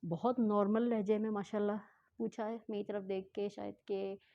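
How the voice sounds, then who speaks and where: A woman telling a travel story in a casual vlog, chatty and often correcting herself, mixing in English phrases and speaking slowly on purpose. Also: mid-range voice, level tone, vocal fry, mellow, highs cut off. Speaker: travel vlogger.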